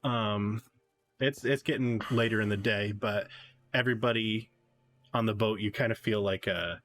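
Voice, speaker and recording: Halting low-voiced game master. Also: male voice, steady tone, fairly bright tone. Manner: halting, many fillers. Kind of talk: narrating a tabletop game.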